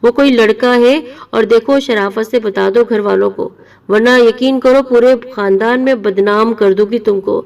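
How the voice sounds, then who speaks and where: Harsh, shouting aunt, voiced by a woman storyteller, fairly high and gravelly. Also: recorded from a distance. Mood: threatening. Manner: scornful, accusing, shouting. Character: harsh scolding middle-aged aunt.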